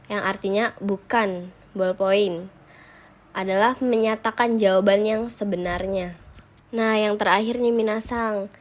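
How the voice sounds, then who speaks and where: Woman teaching a slow lesson. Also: mid-range voice. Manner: addresses viewers often, reads example sentences slowly. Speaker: Japanese language teacher.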